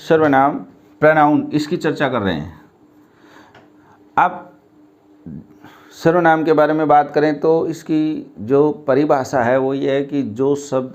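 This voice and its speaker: Slow, patient male teacher. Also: medium pitch, a little mellow. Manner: slow, explains step by step and asks questions. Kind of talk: grammar lesson at a board.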